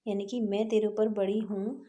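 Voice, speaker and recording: A woman's voice: medium pitch, little pitch movement, moderate pace, mellow, lo-fi sound, close to an everyday voice. A woman voicing a loving old grandmother. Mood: tender.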